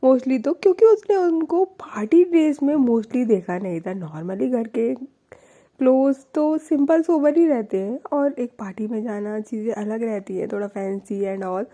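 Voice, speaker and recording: A female storyteller tells a love story in a relaxed, conversational way, breaking in with her own asides. Her voice sits a little high, and its tone is very mellow and dark. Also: a little slow, muffled recording. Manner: chatty, lively asides. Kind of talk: casual spoken storytelling.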